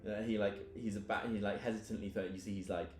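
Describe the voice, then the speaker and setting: A man's voice: fairly low pitch, steady tone, quick pace, echoey room, a little hiss or hum. A man narrating as game master in a casual, rambling way full of fillers. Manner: casual, filler-heavy, laughs often.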